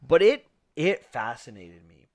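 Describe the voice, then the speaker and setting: A man's voice: fairly high pitch, sing-song, measured pace, darkish tone. A man co-hosting a movie podcast, talking enthusiastically and rambling with frequent restarts. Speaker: podcast co-host. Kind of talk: casual movie review chat.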